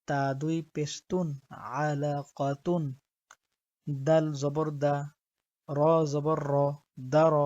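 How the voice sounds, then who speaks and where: A man teaching Quran reading, spelling out letters and syllables slowly and deliberately, one at a time. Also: a little high, a little mellow, no echo, muffled recording. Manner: slow, deliberate letter-by-letter drilling. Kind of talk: slow spelling-out lesson.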